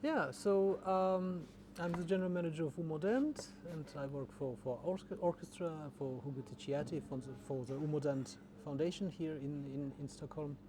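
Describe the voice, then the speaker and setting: A man raised in the Czech Republic, who works as an orchestra's general manager, answers interview questions haltingly, repeating many words. His voice sits on the high side, and the recording has a noisy background.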